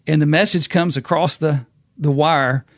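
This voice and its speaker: A man's voice: fairly high pitch, unhurried, no room sound, studio quality. A middle-aged man, hosting a casual business talk and acting out quotes as a folksy storyteller. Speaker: podcast host.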